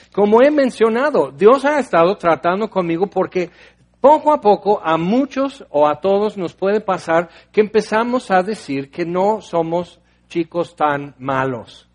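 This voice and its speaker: Man preaching, high voice, animated storyteller. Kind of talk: sermon.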